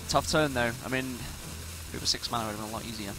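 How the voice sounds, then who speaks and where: A man's voice: medium pitch, fast, low-quality recording. A man with an English West Country accent giving casual live card game commentary. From south-west England. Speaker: esports commentator. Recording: loud guitar game music behind. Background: loud game music with guitar.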